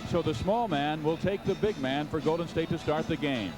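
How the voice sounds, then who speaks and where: A man giving a clear, informative broadcast report on a lineup change. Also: fairly high pitch, normal speed, music in the background. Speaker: sideline reporter.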